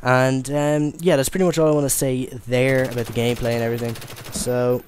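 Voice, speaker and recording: A young man from Ireland talks loosely over his game footage in casual commentary, stumbling, restarting and filling gaps with ums and uhs. His voice sits at an ordinary middle pitch, with faint gunfire and game noise underneath. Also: little pitch movement, brisk, darkish tone. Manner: rambling, stammering with many fillers. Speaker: gaming commentator.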